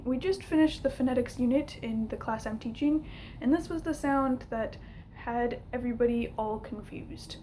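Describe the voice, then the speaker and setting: A young adult woman with a slightly high voice talks through an informal lesson to camera. She explains step by step, a little hesitantly. The home recording has some noise behind her. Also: moderate pace, dark tone, low-quality recording. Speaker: linguistics teacher. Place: small room at home, indoors.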